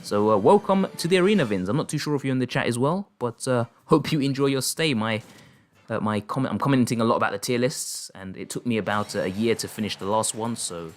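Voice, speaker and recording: Quick-paced and excitable, a male streamer commentates a game live and chats with viewers while faint music plays. He laughs often, and his pitch spikes during big moments of the play-by-play.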